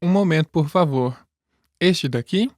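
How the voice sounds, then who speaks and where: A woman's voice: low-pitched, lively intonation, measured pace, a little mellow, no echo, studio quality, voice pushed down. A woman voicing a polite male bookstore clerk in a scripted listening-quiz dialogue. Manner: courteous, brief service replies.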